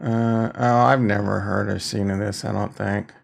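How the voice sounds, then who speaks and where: A man hosting a livestream in casual, rambling, self-deprecating slangy chat, with a gravelly morning voice. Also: on the low side, little pitch movement, moderate pace. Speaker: livestream host.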